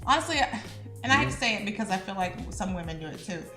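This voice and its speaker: A woman co-hosting a casual podcast chat, lively and reading listener comments aloud. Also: mid-range voice, fast talker. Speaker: podcast co-host. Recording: roomy sound with music behind.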